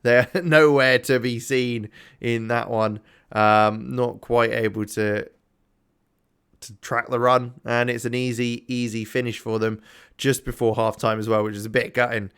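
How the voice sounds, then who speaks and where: A man's voice: mid-range voice, fairly even intonation, measured pace, fairly bright tone, clear, resonant tone. Rambling man playing a game. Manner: rambling, self-chatting, thinks aloud with many ums. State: yawning and tired. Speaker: gaming YouTuber. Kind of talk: casual let's-play commentary.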